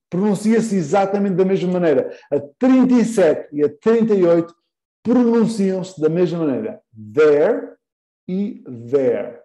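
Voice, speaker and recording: A man's voice: a little high, dark tone, reverberant, poor audio. A man teaching an English class live, patiently repeating words and quizzing his students.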